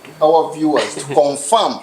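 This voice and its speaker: A man with a Ugandan accent hosting a studio talk show, chatty and quick to laugh, often repeating himself. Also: fairly high pitch, a little mellow. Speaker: host. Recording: roomy studio with faint background noise.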